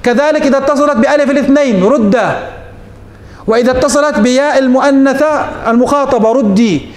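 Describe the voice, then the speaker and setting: A man's voice: very high-pitched, fairly even intonation, rapid-fire, roomy sound. A man teaching morphology as a sheikh, posing questions to his students and answering them himself. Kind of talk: classroom lesson.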